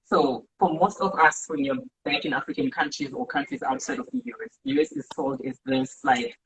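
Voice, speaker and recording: Speaking briskly in a low voice with big pitch swings and vocal fry, a Zimbabwean community organizer shares her story earnestly as a guest on a live video chat, frequently tagging on "right?". The sound is dull lo-fi livestream audio from a phone or laptop mic.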